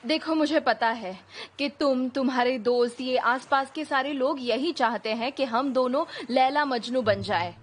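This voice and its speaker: High-voiced exasperated young woman. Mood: reasoning. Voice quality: scolding, exasperated. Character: restless young woman, exasperated and sharp-tongued. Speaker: dubbed drama lead. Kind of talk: dubbed drama dialogue.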